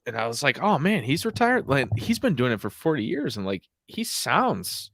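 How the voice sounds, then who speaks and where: A man's voice: medium pitch, huge pitch swings, moderate pace, a bit bright, no room sound, clean studio sound. A man hosting a podcast livestream, chatting casually and rambling with many fillers, a bit out of breath. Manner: rambling, filler-heavy, jokey. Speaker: podcast host.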